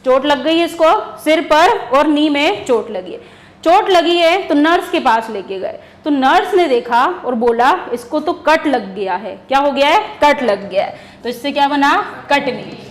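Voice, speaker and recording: A woman teacher with a high voice and lively intonation, speaking a little slowly, gives an exam-prep lesson built around memory stories. She poses questions, answers them herself, and keeps repeating key words.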